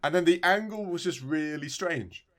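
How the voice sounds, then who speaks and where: A man with a fairly high, lively voice talks at a normal speed. He's co-hosting a podcast and chatting casually about video games, rambling with plenty of enthusiasm.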